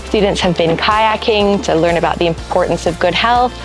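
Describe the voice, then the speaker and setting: A woman from a language school giving an upbeat, polished pitch for its summer camp outdoors on a campus. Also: moderate pace, low-quality recording. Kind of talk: promotional talk to camera. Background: faint music.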